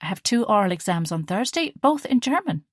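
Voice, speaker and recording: A woman reading the part of a young female student and caring older sister in an audiobook, earnest and expressive. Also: mid-range voice, brisk, dry recording, clean studio sound, voice pushed up. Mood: weary.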